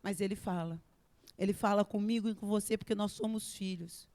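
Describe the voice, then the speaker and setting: A woman with a Brazilian Portuguese accent preaching a live church sermon, expressive and dramatic, swinging between soft and loud delivery. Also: mid-range voice, brisk. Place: church sanctuary. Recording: echoey church hall with long reverb.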